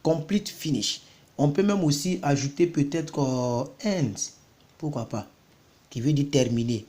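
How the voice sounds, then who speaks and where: A man's voice: fairly high pitch, unhurried, warm tone. A man from Côte d'Ivoire, giving a casual vocabulary lesson and repeating each word several times before explaining it. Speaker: self-taught English vocabulary tutor.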